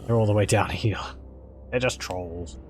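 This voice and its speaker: A man's voice: fairly low pitch, normal speed, a little mellow, slight background noise. A man hosting a casual strategy game playthrough, musing aloud and joking as he plays. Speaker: gaming video host.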